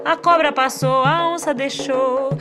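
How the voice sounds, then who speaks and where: A woman with a Brazilian accent telling stories to children in a playful, expressive, inviting fireside storytelling manner. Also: high voice, measured pace. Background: music.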